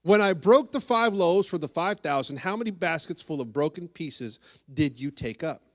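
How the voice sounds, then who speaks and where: Animated preacher man in an echoing hall. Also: fairly high pitch, normal speed. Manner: animated, acts out voices of the disciples, many asides and "right?". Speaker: pastor. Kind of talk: sermon. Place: church sanctuary. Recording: long hall reverb.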